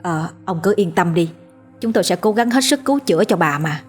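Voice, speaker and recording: A woman voicing a tired male doctor who speaks in a measured, reassuring way. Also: on the low side, expressive, soft background music, lightly acted. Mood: calm. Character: tired male hospital doctor, calm and businesslike.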